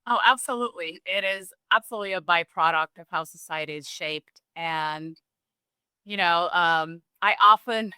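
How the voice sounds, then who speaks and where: Bright, clear-voiced woman guest. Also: fairly low pitch, normal speed, dry recording. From Romania. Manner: relaxed, thoughtful, with restarts and small laughs. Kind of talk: casual conversational interview.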